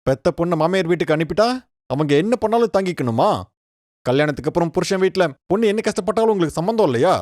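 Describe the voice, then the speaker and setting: A woman voicing a kind, protective young man in a cartoon story, with a lowered, earnest voice. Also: lively intonation, fast, darkish tone, dry recording, studio quality, close to an everyday voice. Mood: indignant.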